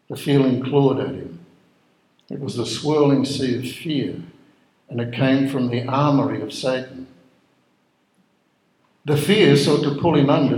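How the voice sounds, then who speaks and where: A man's voice: medium pitch, darkish tone. Solemn male storyteller in an echoey room. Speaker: narrator. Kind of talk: dramatic scripted story narration. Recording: roomy echo.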